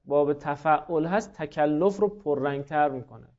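The recording is dull and lo-fi, carrying a man's fairly high, darkish voice as he teaches a class. His lecture proceeds step by step, with frequent repetition and questions aimed at his students.

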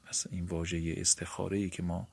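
A man with a very low, husky voice lectures methodically on grammar, breaking every rule down into its steps. He speaks as a seminary student teaching his peers. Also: little pitch movement, darkish tone. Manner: methodical, spells out each step of a rule. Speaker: teacher of Arabic morphology. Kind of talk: classroom lecture on grammar rules.

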